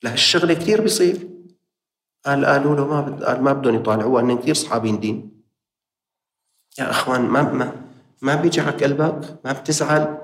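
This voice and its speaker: A man's voice: a little high, gravelly, roomy sound. A man with a Levantine Arabic accent preaching a sermon, appealing directly and passionately to his listeners.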